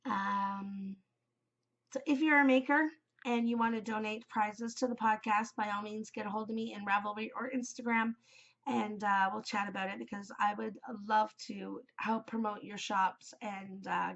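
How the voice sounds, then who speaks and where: Stuffed up and hoarse from a cold, a knitting podcast host chats on her own in a rambling, um-filled way. Her mid-range voice is gravelly and fairly bright, with fairly even intonation and a moderate pace. The sound is lo-fi.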